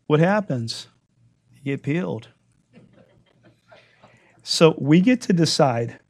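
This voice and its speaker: A man leading prayer and preaching a sermon, his voice hoarse while it recovers, given to emphatic repetition. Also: a little high. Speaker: congregation leader.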